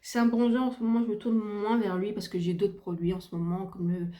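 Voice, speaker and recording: A woman's voice: mid-range voice, level tone, a little fast, mellow, echoey room. Chatty woman gushing over makeup. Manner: chatty, gushing, many fillers and repetitions. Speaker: beauty vlogger. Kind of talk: casual makeup review chat. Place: home room by a window, ring light. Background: faint sounds of kids gaming and neighbour's renovation.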